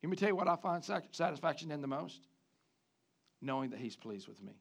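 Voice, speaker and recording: A man preaching a sermon, swinging from loud emphatic rises to quiet low drops. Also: animated, brisk, creaky. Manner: preaching with sudden loud rises and soft drops, mimicking guys. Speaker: pastor.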